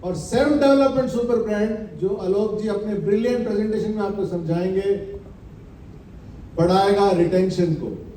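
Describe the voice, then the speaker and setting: A high-voiced man with a mellow tone leads a motivational business seminar. He speaks emphatically, quizzes the crowd and slowly repeats his slogans. He sounds set back from the mic in an echoey hall. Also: far from the mic, a little hiss or hum. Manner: emphatic, quizzes the audience with rhetorical questions.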